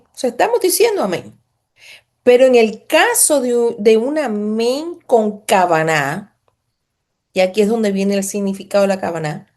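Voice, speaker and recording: A woman's voice: a little high, a little mellow. A woman giving a religious lesson, explaining patiently, repeating phrases and often checking in with the listener. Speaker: religious teacher.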